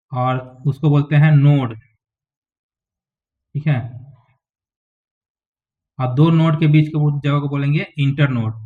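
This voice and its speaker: Using a mid-range voice, a man explains biology diagrams to his class one step at a time. He keeps checking whether students are following, often asking "ठीक है" and "समझ में आ गया?". It sounds tinny and lo-fi, as if recorded on a phone.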